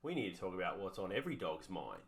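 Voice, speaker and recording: A man's voice: low voice, very animated, fast talker, vocal fry, over a noisy crowd. A man co-hosting a comedic card review in a put-on broad Australian accent, hamming it up with slang. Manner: playful, hammy Aussie slang. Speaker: co-host.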